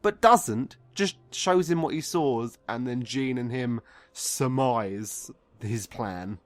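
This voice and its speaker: Slow and mid-range in voice, a man who is drunk, and growing more so, delivers a casual, comic movie review. He rambles off script, loses track of his point, curses often, and sounds exasperated.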